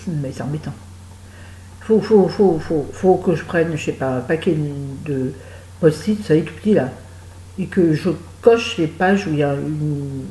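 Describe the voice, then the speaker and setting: Chatty woman reviewing a book, mellow voice. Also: on the low side, echoey room, rough recording. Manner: chatty and digressive, talks to viewers directly. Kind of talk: casual spoken book review vlog.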